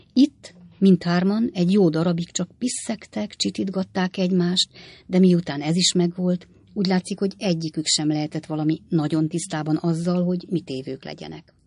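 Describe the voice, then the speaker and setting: Gravelly woman reading an audiobook. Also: fairly low pitch, a little mellow, no echo. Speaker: narrator. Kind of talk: audiobook narration.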